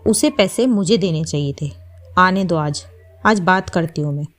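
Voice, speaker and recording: A woman voicing a bossy, controlling middle-aged mother-in-law who scolds with sharp commands. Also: fairly low pitch, normal speed, close to an everyday voice. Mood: scolding.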